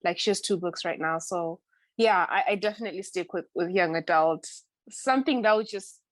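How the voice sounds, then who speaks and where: A woman's voice: fairly low pitch, moderate pace, no room sound. A woman in her twenties from Zimbabwe, chatting as a podcast guest, laughing often and restarting her sentences. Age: 20s. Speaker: guest, PhD student. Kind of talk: casual interview chat.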